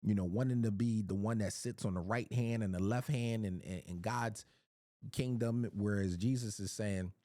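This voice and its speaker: A man's voice: lowish voice, normal speed, mellow, no room sound, clean studio sound. A man from Philadelphia giving a casual Bible teaching, often repeating words as he searches for his phrasing.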